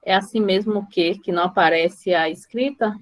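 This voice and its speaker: Speaking at a moderate pace in a mid-range voice, a Brazilian-accented woman teaches math in a casual live online lesson. She frequently pauses to ask her students questions and see how they're doing.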